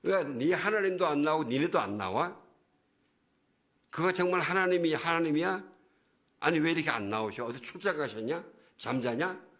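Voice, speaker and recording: A man voicing a boastful, mocking giant male warrior who shouts slangy challenges to a fight. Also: on the high side, lively intonation, moderate pace, pauses often, voice pushed up. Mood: taunting. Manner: jeering, loud slangy challenges.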